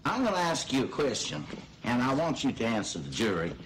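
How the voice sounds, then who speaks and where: An actor playing a courteous trial lawyer in a film, questioning in a halting, folksy, polite way. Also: male voice, medium pitch, big pitch swings, a bit bright, poor audio. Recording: faint noise and room ambience.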